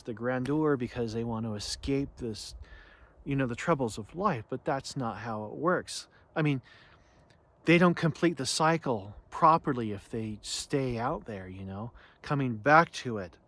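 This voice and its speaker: A man giving an unscripted spiritual talk as teacher, earnest and reflective, often restarting and searching for words. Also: on the high side. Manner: halting and searching, frequent restarts and "you know".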